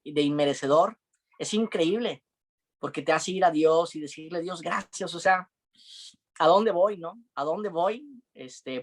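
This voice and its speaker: A young man giving an earnest, confiding devotional testimony, with frequent fillers. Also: a little high. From Mexico. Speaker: preacher.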